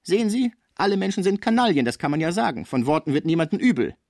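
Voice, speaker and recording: A man's voice: mid-range voice, sing-song, a little fast, breathy edge, no room sound, studio quality. A man voicing a scheming middle-aged concierge woman who nurses the sick, overwrought and indignant as she protests her honesty.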